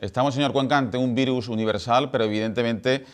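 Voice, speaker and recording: A man's voice: mid-range voice, steady tone, fast. A man with an Andalusian accent hosting a TV news interview, presenting in a formal way. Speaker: news show host.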